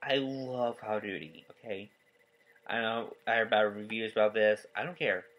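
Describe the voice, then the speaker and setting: A nineteen-year-old man giving a casual, rambling vlog update, tired and yawning, talking in halting stops and restarts. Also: fairly low pitch, fairly even intonation, lo-fi sound. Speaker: gaming YouTuber. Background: faint game soundtrack.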